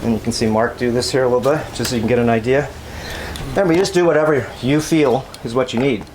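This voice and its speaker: This is a male workout host who talks fast in a mid-range voice. His exercise demo is loose and rambling; he instructs along the way and says things more than once, all over clearly noisy surroundings.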